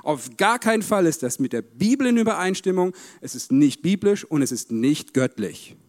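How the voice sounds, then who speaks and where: High-voiced male preacher, emphatic. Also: sing-song, moderate pace, darkish tone. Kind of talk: sermon.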